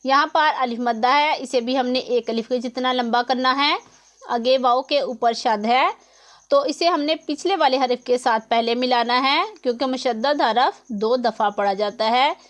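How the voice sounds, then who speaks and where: A woman's voice: high voice, moderate pace. A woman teaching Quran recitation rules, patiently explaining each letter and how long to hold it, recorded close to the mic. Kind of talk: slow step-by-step tajweed lesson.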